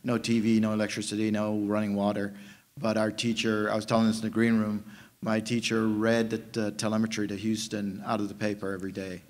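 A man in his fifties, from Jamaica, speaking on a conference panel into a table mic, animated and prone to restarting his sentences. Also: lowish voice, brisk. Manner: animated storytelling with frequent restarts. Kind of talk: panel discussion. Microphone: table mic on stand.

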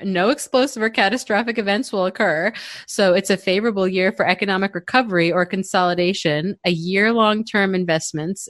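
A woman's voice: lowish voice, fairly bright tone, no room sound, studio quality. A young woman co-hosting a podcast, chatting casually with many fillers and laughs. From United States. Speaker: podcast co-host. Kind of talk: casual chat.

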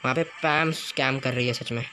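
A man giving live commentary over his mobile game, excitable, groaning and shouting at what happens on screen. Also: mid-range voice, a little fast, noisy background. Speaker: gaming YouTuber.

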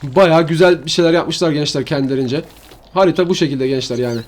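A gaming channel host with a fast, high-leaning voice rambles in slangy, casual commentary. He's showing his viewers the map of a farming game.

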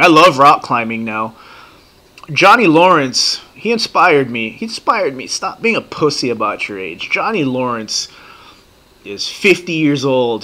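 Bright-voiced, profane man in his thirties. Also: mid-range voice. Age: 30s. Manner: profane, excitable, rambling. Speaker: vlogger reacting to a TV series. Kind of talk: casual reaction commentary.

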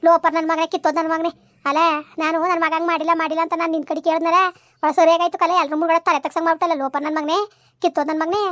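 A woman's voice: high-pitched, steady tone, rapid-fire, no echo, studio quality, close to an everyday voice. A woman playing a furious village mother who scolds her son in a rural comedy skit, hurling repeated insults. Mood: scolding.

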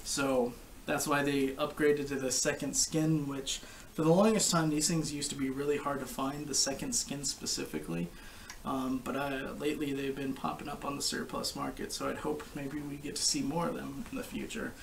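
Young male hobby reviewer, creaky voice, halting informal explainer, distant camera mic with light noise. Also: mid-range voice, little pitch movement. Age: young adult. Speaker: gas mask collector and reviewer. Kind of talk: casual product review to camera. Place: living room couch, indoors. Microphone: camera a short distance away.

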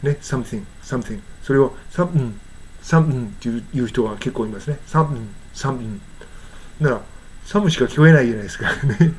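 An older man from Japan, teaching English pronunciation in a casual lesson, patiently repeating words slowly to show how they sound. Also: mid-range voice, a little mellow, husky.

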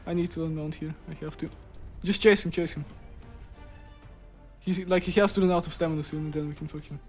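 A man on gameplay voice chat, making urgent, excited callouts and swearing during a fight. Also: fairly high pitch, a little fast, faint music behind. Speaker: gaming teammate.

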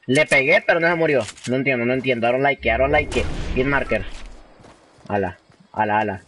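Chatting with his viewers during a live gaming stream, a young man from Honduras reads their comments out loud and peppers his slangy talk with English. His mid-range voice is fast and a bit bright, with slight noise in the background.

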